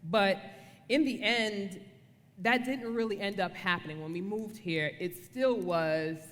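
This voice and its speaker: Lady doing a casual marriage devotional, mid pitch, playful, echoey room. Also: unhurried. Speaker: co-speaker in a couples' talk. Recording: reverberant room.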